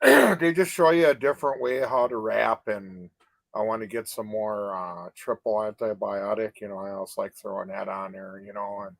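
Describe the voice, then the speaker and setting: A man's voice: fairly low pitch, moderate pace, vocal fry, fairly bright tone, no room sound, rough recording. Older male co-host, casual, rambling delivery full of restarts, dry close sound. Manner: rambling, many restarts and "you know?" tags. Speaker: co-host of a live advocacy chat. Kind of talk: casual live-stream chat.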